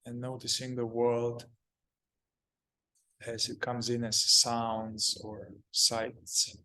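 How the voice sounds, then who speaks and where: On a low-quality recording, a man leads a guided meditation in a mid-range voice, calm and halting, with long gaps between his short phrases.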